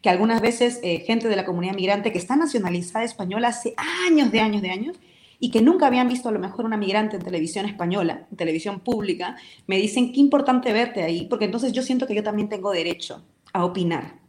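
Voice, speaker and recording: A woman's voice: medium pitch, quick pace, a little mellow, echoey room. A woman with a Peruvian accent, speaking with passion and vehemence as a guest in a radio interview. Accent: Peruvian Spanish. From Peru.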